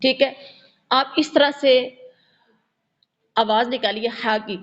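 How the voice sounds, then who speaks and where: A woman's voice: a little high, muffled recording. A woman teaching a Quran pronunciation lesson, patiently demonstrating letter sounds over and over and quizzing her pupils. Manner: patient, instructive, asks pupils questions.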